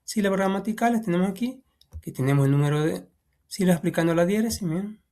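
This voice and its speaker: A man walks through a textbook lesson in a relaxed, chatty way. He thinks aloud, keeps saying "va", and counts syllables slowly, his voice going soft as he counts. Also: sits high. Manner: casual, thinks aloud, often says "va". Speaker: teacher.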